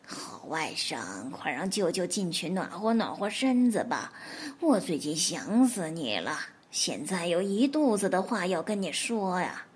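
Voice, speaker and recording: Storybook wolf, hungry and scheming, played by a woman, low, soft, fawning and pitiful in tone. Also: big pitch swings, measured pace, slightly rough, heavily acted. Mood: wheedling. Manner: wheedling, pitiful.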